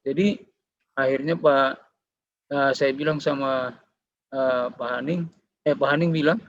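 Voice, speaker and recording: A man's voice: medium pitch, fairly even intonation, a little slow. A middle-aged man giving a personal faith testimony, telling his story conversationally and acting out the dialogue. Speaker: testimony giver. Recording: dull, slightly muffled recording.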